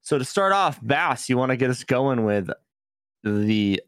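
A man's voice: medium pitch, big pitch swings, unhurried, fairly bright tone, dry recording, studio quality. A man co-hosting a casual podcast, talking like a slangy, sweary fan. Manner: slangy, profane, filler-heavy fan talk. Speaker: podcast co-host.

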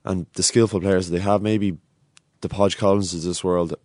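A man's voice: low voice, fairly even intonation, moderate pace, a little mellow, no echo, clean studio sound. A man with an Irish accent giving unscripted sports analysis as a pundit.

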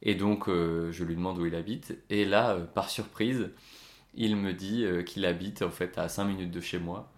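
Man, podcast host, very low voice, halting speech full of fillers. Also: fairly even intonation. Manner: hesitant, many filler sounds. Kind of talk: casual storytelling and interviewing.

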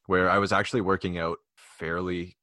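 A man's voice: low voice, little pitch movement, normal speed, pushed and bright, no echo, clean studio sound. A young man co-hosting a podcast, talking casually and explaining at length with plenty of fillers and restarts. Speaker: podcast co-host. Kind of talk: casual chat.

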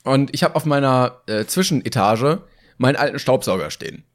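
A man's voice: medium pitch, moderate pace. A man co-hosting a podcast, telling a comic story in casual talk and acting out the dialogue in different voices. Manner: animated, acts out dialogue with shifting voices. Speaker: podcast co-host.

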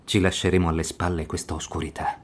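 A deep, husky gentle doctor. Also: male voice, level tone, fast talker. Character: Otto, a gentle male doctor guiding a child. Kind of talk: audio drama acting.

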